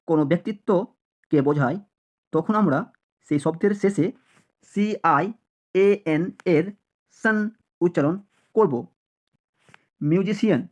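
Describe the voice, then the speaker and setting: ধীরে ধীরে বানান করে পড়ানো শিক্ষিকা. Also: female voice, on the low side, a little mellow. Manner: slow, repeats each word several times, spells words letter by letter. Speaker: teacher. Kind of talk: spelling and pronunciation lesson.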